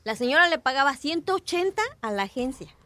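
A woman's voice: sits high, animated, a little fast, bright, forceful tone, dry recording. A woman telling a story in a casual chat, mixing English words into her Spanish.

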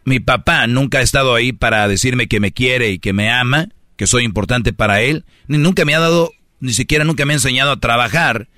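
A man's voice: mid-range voice, brisk, hardly any pauses, sharp tone, dry recording, studio quality. A man with a Mexican Spanish accent giving relationship advice as a radio host, in a preachy, slangy manner, often acting out the voices of the people he talks about. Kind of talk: casual radio monologue.

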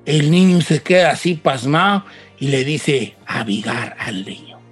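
A man's voice: mid-range voice, animated, measured pace, slightly rough, faint music behind. A man narrating a spooky folk tale in a loose, conversational way, dropping asides to the listener. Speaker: storyteller.

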